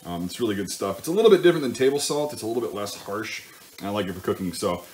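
A man with a lowish, darkish voice hosts a home cooking show, talking very fast and animatedly as he works. His commentary is informal and casual, like he's thinking aloud and correcting himself as he goes. A sizzling pan, stirring and other kitchen noise can be heard behind him.

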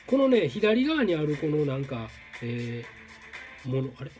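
A man commentating his own gameplay, exclaiming and repeating words in quick bursts. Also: a little high, big pitch swings, darkish tone, soft background music. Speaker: game streamer. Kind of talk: excited let's-play commentary.

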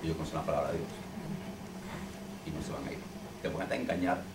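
A man's voice: very deep voice, steady tone, quick pace. A man, a deliverance minister, teaching a small group informally, repeating himself and checking in with "ok?" and "understand?". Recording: echoey room, distant mic, noisy.

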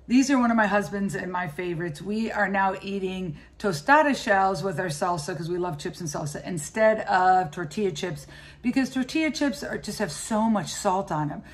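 A woman's voice: mid-range voice, expressive, normal speed. A woman in her fifties, a cooking vlogger, chatting enthusiastically to the camera as she gives practical grocery and recipe tips. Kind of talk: casual shopping and cooking walkthrough. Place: indoors at home and in a grocery store.

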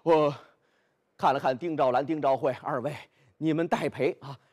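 A storyteller doing a calm, courteous eldest brother. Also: male voice, on the high side, voice pushed down, close to an everyday voice. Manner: polite, measured.

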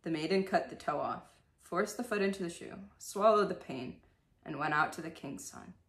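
In an echoey little bedroom, a young woman storyteller and video host reads a storybook dramatically. Her voice is on the low side and fairly bright, her pace moderate, and she slips in casual, irreverent comments along the way.

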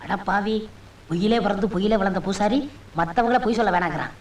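A man's voice: high voice, fast, lightly acted. An actor playing a short, scheming male disciple who talks in a sly, whining way in film comedy dialogue. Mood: mocking.

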